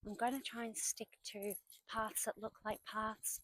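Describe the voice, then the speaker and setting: A woman's voice: on the high side, flat delivery, unhurried, fairly bright tone, dry recording, low-quality recording. A young woman from New Zealand talking casually to her camera while walking outdoors on a woodland trail, often dropping to a whisper. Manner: chatty, often drops to a whisper. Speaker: vlogger.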